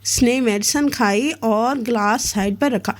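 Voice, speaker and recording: A woman narrating a romance novel aloud in a steady, expressive reading. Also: on the high side. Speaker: novel reader.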